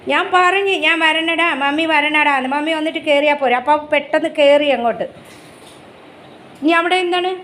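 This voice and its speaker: A woman's voice: sits high, normal speed, fairly bright tone. A woman vlogging casually at home, coaxing her pet dog in baby talk and chatting to viewers. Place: home, indoors and up on the terrace.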